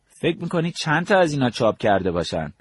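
A man voicing a stern adult male air force commander who gives sharp orders and scolds his staff, in a husky voice. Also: medium pitch, very animated, no echo, pitched above the performer's own voice. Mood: commanding. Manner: reproachful, commanding.

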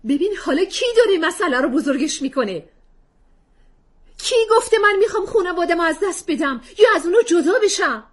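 A woman's voice: medium pitch, lively intonation, breathy edge, pitched above the performer's own voice. A woman doing a frustrated pleading mother.

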